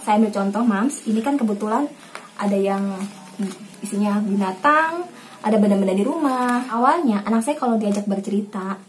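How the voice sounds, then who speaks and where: A young Indonesian mother hosts a home tutorial for her parenting channel, speaking casually at a moderate pace in a mid-range voice with a bit of hiss or hum. She's warm and repeats herself, calling her viewers "Mams."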